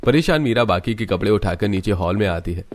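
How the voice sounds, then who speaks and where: Low-voiced male story narrator. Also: animated, fairly quick.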